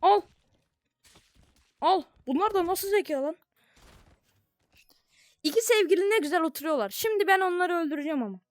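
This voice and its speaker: A young woman from Turkey giving casual, playful commentary on a virtual reality game, taunting the characters in mock-friendly tones with sudden bursts of shouting. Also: extremely high pitch, lively intonation, normal speed, pauses often, no echo, clean studio sound. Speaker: gaming streamer.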